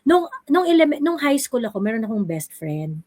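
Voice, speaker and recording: A woman's voice: on the high side, very animated, normal speed, darkish tone. A woman co-hosting a gossip commentary show, firing off rhetorical questions as she picks apart someone's behavior. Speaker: show co-host.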